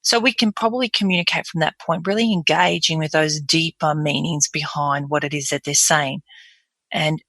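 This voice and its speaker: A woman's voice: low-pitched, fairly even intonation, normal speed, fairly bright tone, no echo. A woman talking as a voice coach guest in a podcast interview, earnest and explanatory, often demonstrating example voices.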